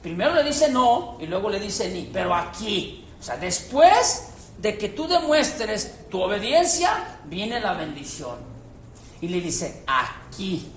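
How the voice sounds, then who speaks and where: A woman teaching a Bible class to a group, animated and quizzing her listeners. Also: mid-range voice, slow, a little hiss or hum. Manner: animated, questions the audience, acts out quotes. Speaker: church teacher. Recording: echoey room with faint ambience.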